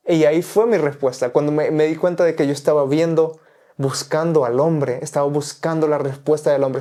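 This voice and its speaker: Mellow-voiced man preaching earnestly. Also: a little high. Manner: earnest, exhorting, repetitive phrasing. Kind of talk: preaching in conversation.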